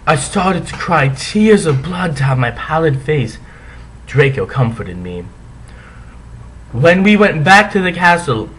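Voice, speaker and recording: Hammy stage actor guy doing a slow dramatic story reading, really swoopy voice, bit of noise behind. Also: mid-range voice, poor audio. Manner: hammy stage-actor delivery, theatrical pauses and swells.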